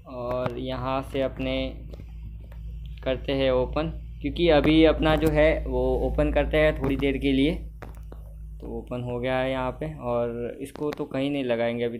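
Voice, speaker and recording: A young man giving casual commentary on his own gameplay, chatty and talking to himself, at times loud and scolding at the game characters. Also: medium pitch, slight background noise. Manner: chatty, talks to himself, keeps saying brother. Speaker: gamer.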